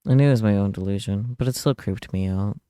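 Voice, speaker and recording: Speaking fast in a lowish, warm, clean voice, a streamer reads visual novel text aloud and adds wry, throwaway remarks. The studio-quality recording is echo-free, with video game music in the background.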